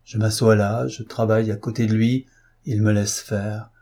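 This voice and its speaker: A man's voice: fairly low pitch, little pitch movement, normal speed, mellow. A man reading an audiobook, voicing an anguished, tearful young aristocratic wife in a pleading manner. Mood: distraught. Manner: pleading, sobbing.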